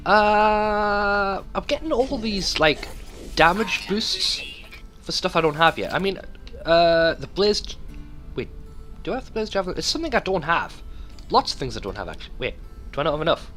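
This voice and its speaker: This let's play host's voice is on the high side, bright, and forceful as he rambles casually over game music, swearing freely and talking to himself during play.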